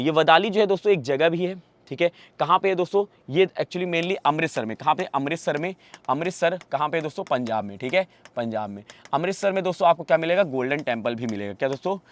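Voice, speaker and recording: A man teaching a live quiz class for exam preparation. He fires quick questions at viewers, repeats each answer, and reads English questions slowly before translating them. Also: fairly high pitch, no room sound.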